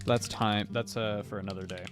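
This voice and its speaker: Over music, a man with a lowish voice talks briskly during a live stream of his miniature painting. He chats casually, swears freely, and erupts now and then into loud excitement.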